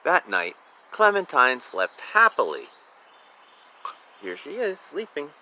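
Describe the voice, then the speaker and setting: With a medium-pitched voice that swoops wildly, a man reads a children's picture book slowly, his tone bright and forceful. He's expressive and casual, lingering on words and slipping in asides about the pictures.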